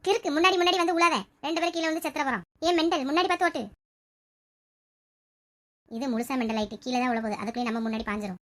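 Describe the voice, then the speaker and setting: A woman's voice: high voice, racing, pauses often, fairly bright tone. A woman playing a bossy young woman who scolds and fusses over a friend. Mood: exasperated. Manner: bossy, exasperated.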